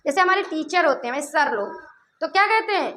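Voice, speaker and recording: A woman's voice: sits high, lively intonation, a little fast, bright, forceful tone, slight background noise. A woman teacher giving a classroom lesson, asking pupils questions and echoing their answers back with playful asides. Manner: keeps quizzing pupils, repeating answers back. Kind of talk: classroom lesson with call-and-response.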